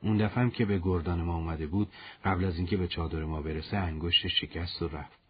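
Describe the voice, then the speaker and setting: A man's voice: low voice, steady tone, husky, dull audio. A man voicing an earnest, touchy young male volunteer soldier in a storybook reading. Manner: indignant, protective of his commander.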